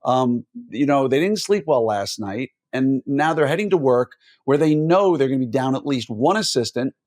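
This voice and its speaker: A man hosting a podcast interview, talking in a loose, rambling way. He often restarts and corrects himself and slips in jokes while setting up long questions. His pitch is average for a man. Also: lively intonation, moderate pace, a little mellow. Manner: rambling, self-correcting, jokey. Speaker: podcast host. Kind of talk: conversational interview.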